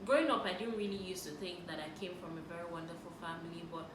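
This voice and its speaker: A woman's voice: fairly low pitch, fast talker, recorded from a distance. Earnest woman in her thirties. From Nigeria. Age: 30s. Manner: earnest, reflective, with repeated restarts. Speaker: faith and lifestyle YouTuber. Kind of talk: personal vlog talk. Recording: roomy echo, voice set back from the mic, clear background noise.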